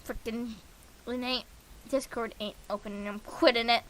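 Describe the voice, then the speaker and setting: A game streamer with a slightly high voice reads a visual novel aloud at a measured pace, her intonation fairly even and the recording rough. She plays around with asides, scats nonsense syllables, and mutters to herself.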